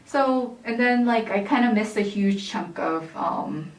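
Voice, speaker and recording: Relaxed young woman, roomy distant sound. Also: medium pitch, a little slow. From South Korea. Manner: relaxed, thoughtful, many fillers like "um" and "like". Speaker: interviewee, university staff member. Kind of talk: casual interview chat. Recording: roomy echo, mic at a distance.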